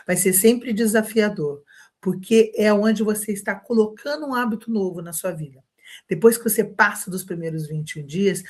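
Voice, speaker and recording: A woman's voice: medium pitch, a little mellow, breathy edge. A Brazilian woman teaching an online English lesson, chatty and encouraging, checking in with her students again and again. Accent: Brazilian Portuguese.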